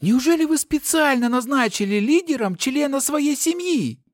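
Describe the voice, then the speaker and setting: A man's voice: extremely high pitch, lively intonation, moderate pace, dry recording, clean studio sound, pitched above the performer's own voice. A man voicing a small, outspoken young gnome girl who protests and objects in an audiobook. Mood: indignant. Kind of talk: audiobook character voice.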